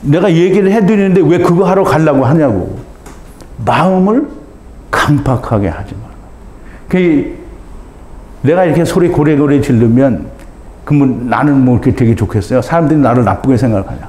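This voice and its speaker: A man preaching a sermon as a pastor, pleading and impassioned, swinging between shouts and low, urgent appeals. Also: animated, moderate pace. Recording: echoey room.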